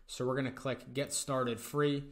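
A young man narrating a screen-recorded software tutorial in a relaxed, step-by-step way. His voice sits at an ordinary middle pitch. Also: measured pace. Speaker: tutorial presenter.

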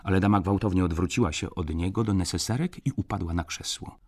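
A man narrating a classic novel as an audiobook in an expressive, animated reading. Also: sits low, fast talker. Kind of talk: scripted literary narration.

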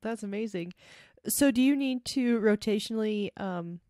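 A woman's voice: mid-range voice, normal speed, warm tone, dry recording. A young woman hosting a podcast, asking brief, interested questions into a studio mic in an indoor room. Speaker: podcast host. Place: indoor room with brick wall. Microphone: large studio mic with headphones.

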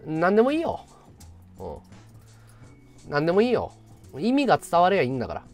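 A man in his thirties chats casually on his livestream, breaking into loud, excitable bursts of thanks. His slightly high voice swoops up and down. Faint music plays behind him. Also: moderate pace. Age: 30s. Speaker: livestream host.

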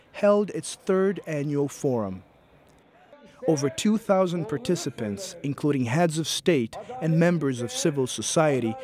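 A man giving scripted documentary narration in a measured, even delivery. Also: a little high, a little hiss or hum.

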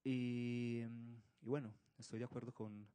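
A Colombian-accented man making an informal comment with hesitant, deliberate phrasing. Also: medium pitch, little pitch movement, mellow, clean tone, no room sound. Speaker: conference attendee.

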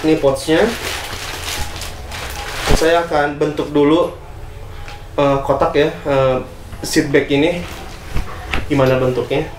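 A man's voice: fairly high pitch, steady tone, slow pace, pauses often, background noise. A young man casually reviewing a camping bag in a small gear-filled room, chatty with lots of fillers and tag questions. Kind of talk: casual product unboxing. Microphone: camera on tripod, seated. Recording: echoey room with faint music.

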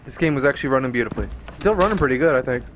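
A man's voice: mid-range voice, animated, racing, fairly bright tone, a little hiss or hum. A man giving casual game commentary as a streamer, crude and sarcastic, swearing freely. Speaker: gaming streamer. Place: indoors, game audio and music behind the voice.

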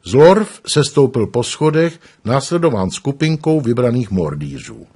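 A man reading an audiobook aloud with expressive storytelling. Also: medium pitch, slightly rough. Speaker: audiobook narrator. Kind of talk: audiobook narration.

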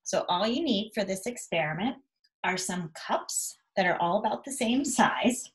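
Speaking in a mid-range voice with lively intonation at normal speed, a teacher in her thirties explains an activity to young children using simple, direct instructions. She's in small rooms at home, the living room and kitchen, recorded by a device camera roughly arm's length away or slightly more.

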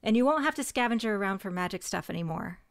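An American woman acts in an audio drama as a stressed cousin who runs a failing shop, sounding stern and exasperated. Her medium-pitched voice is animated and fast.

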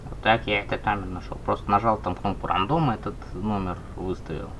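A man hosting a prank video, talking casually and haltingly. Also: fairly even intonation, a bit bright. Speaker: host of a prank channel. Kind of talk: casual online video talk. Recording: faint background noise with rumble.

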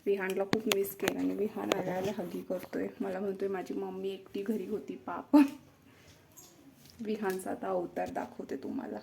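A woman's voice: medium pitch, little pitch movement, normal speed, creaky, background noise. Playful young woman vlogging with her family. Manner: playful, teasing, laughs often. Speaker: vlogger, mother. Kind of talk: casual family vlog chat.

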